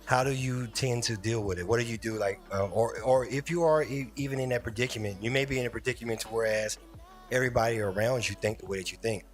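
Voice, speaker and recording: A man of mid pitch hosts a casual live-stream commentary. He rambles and speaks straight to his chat viewers. Faint music plays underneath. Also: quick pace. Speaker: livestream host.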